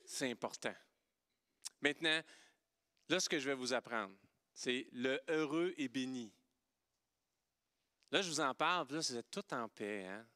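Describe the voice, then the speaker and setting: A man with a Québécois accent preaching a playful, animated sermon, swinging between loud exclamations and hushed, gentle passages. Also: mid-range voice, measured pace, pauses often, no echo, studio quality. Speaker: pastor.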